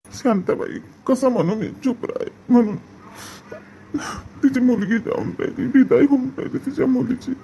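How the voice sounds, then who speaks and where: A man, acting a tender rural father and relatives at a daughter's farewell in a comedy skit, soft and pleading, repeating comforting words. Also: very high-pitched, moderate pace, vocal fry, slight background noise, poor audio. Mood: calm.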